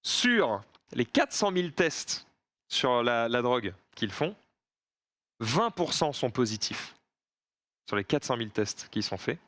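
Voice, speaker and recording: A man's voice: medium pitch, very animated, slow, pauses often, fairly bright tone, no room sound, studio quality. A man hosting a casual show, reading out statistics and hesitating often between them. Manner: presents statistics, hesitant with fillers. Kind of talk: casual chat.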